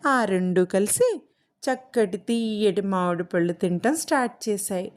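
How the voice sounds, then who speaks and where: A woman telling a moral story to children, addressing them directly in a slow, caring way. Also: medium pitch, animated. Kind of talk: moral story read aloud for kids.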